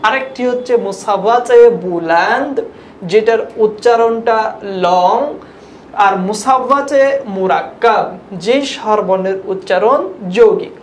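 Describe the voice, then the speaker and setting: Speaking at a moderate pace in a slightly high voice, a woman walks viewers through a language lesson, patiently going over sounds and repeating examples one step at a time. Faint background noise can be heard in the echoey room.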